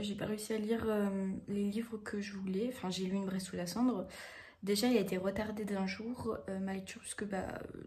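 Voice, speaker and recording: A woman's voice: medium pitch, dark tone, husky. Chatty young Frenchwoman vlogging casually. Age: 20s. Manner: chatty, many fillers, self-mocking. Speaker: book vlogger. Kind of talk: casual vlog chat. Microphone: phone camera.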